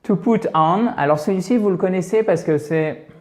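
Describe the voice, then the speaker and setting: A man's voice: sits high, moderate pace, darkish tone. A man teaching an English lesson in French, explaining patiently and checking in often with his students.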